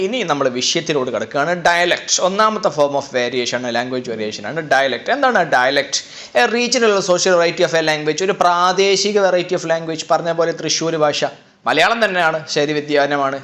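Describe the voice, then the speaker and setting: Brisk bright-voiced male tutor. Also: fairly high pitch. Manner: chatty, mixes English terms into explanations. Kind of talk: lecture explaining slides.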